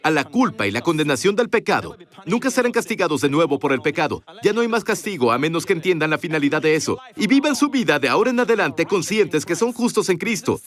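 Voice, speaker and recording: Man, dubbed sermon, emphatic preaching, rhetorical questions, somewhat high pitch, studio voice-over. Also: fairly bright tone.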